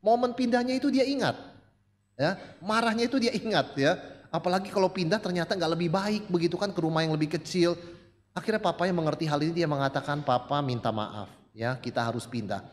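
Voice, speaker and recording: A male pastor preaching a sermon, telling stories and shifting between loud, high emphasis and soft, low asides as he addresses the congregation. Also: fast. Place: church sanctuary. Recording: long church reverb.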